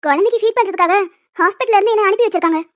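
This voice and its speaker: A woman voicing a calm, experienced woman in a cartoon who explains things briskly and plainly. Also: very high-pitched, no echo, dull audio. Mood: matter-of-fact. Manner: brisk, matter-of-fact explaining. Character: calm experienced woman sent to feed the baby. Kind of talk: cartoon voice acting.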